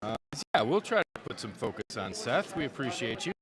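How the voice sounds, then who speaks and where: A man commentates a live tournament in a casual, informal way, thinking aloud as he goes. His voice sits at a middle pitch, with a clearly audible crowd around him. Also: very animated, brisk. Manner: informal, thinking aloud while tracking scores. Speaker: livestream commentator. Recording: busy crowd noise, urban sports venue.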